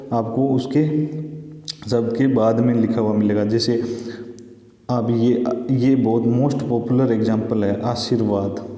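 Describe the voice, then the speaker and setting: A man teaches a school grammar lesson in a patient, explanatory way, repeating points and checking in with his class. His voice is very dark and mellow. The sound rings around a roomy hall with a long reverb tail. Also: mid-range voice. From India. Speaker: Hindi teacher. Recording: echoey room with long reverb.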